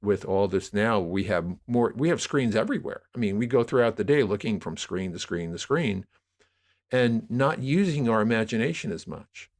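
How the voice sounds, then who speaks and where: An audio drama producer, interviewed as a podcast guest, talks at normal speed in a fairly low, expressive voice. His account of media history is long, wandering and emphatic, delivered like a story in a conversational interview.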